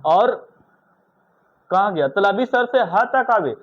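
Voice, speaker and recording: A stern, scolding male teacher from India runs a classroom grammar lesson, firing questions at his students. His high voice is expressive and slow-paced. The audio sounds tinny, like a phone.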